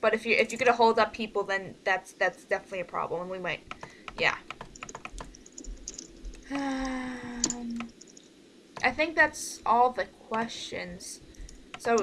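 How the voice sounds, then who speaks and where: A young adult woman with a bright, forceful, somewhat high voice hosts a casual online cast meeting, rambling and frequently restarting her sentences. Her noisy home mic also picks up keyboard typing.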